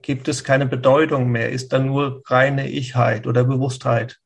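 A man speaking as a spiritual teacher who answers a listener's question in a slow, searching way, with pauses and restarts. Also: medium pitch, flat delivery, gravelly, slightly rough.

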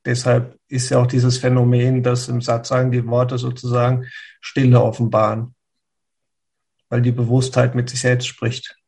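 A man speaking as a spiritual teacher who answers a listener's question in a slow, searching way, with pauses and restarts. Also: mid-range voice, completely flat delivery, creaky, darkish tone, breathy edge.

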